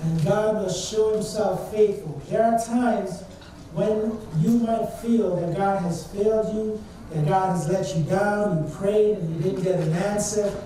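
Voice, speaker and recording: A young man from Trinidad, a student speaker at a church service, gives an earnest, conversational, informal sermon, asking his listeners questions. His voice is high-pitched, mellow, and unhurried. Recorded in the sanctuary, the sound is distant and very echoey with faint noise.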